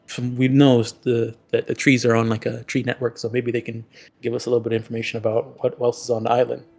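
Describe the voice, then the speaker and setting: A man playing a tabletop game, chatting casually and haltingly, often circling back on his phrases. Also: mid-range voice, monotone, gravelly, a little mellow, soft background music.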